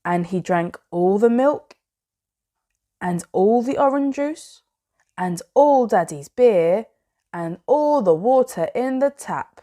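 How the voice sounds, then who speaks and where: A children's bedtime story is read aloud by a woman whose voice sits in the mid range. Her pacing is measured and expressive, punctuated by dramatic pauses.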